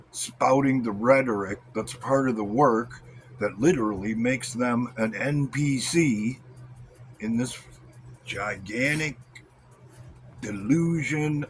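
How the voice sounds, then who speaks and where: Slow, scornful American man cutting a wrestling promo. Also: mid-range voice, fairly bright tone, a little hiss or hum. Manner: blunt, scornful, coarse-mouthed. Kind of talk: wrestling promo style opinion rant.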